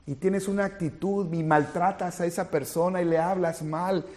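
This man's voice is high-pitched and he talks at a normal speed while preaching as a pastor. His delivery is lively, aimed straight at the congregation, with little scenes acted out.

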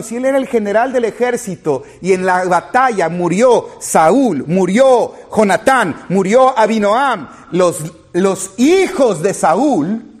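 A man preaching a sermon to his congregation, retelling a scripture story and speaking to his listeners directly. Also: high-pitched. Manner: animated, rising and falling, retelling scripture with quoted dialogue.

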